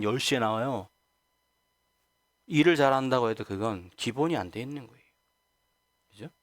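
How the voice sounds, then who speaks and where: A man's voice: mid-range voice, a bit bright, no echo. A male pastor preaching a Sunday sermon who asks the congregation rhetorical questions and acts out quoted voices. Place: church sanctuary.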